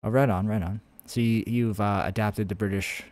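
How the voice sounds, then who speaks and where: A man's voice: fairly low pitch, steady tone, moderate pace, a little mellow, no echo. A man streaming his game development, thinking aloud in a rambling, casual way with many fillers and restarts while answering chat. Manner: answers chat messages between coding steps.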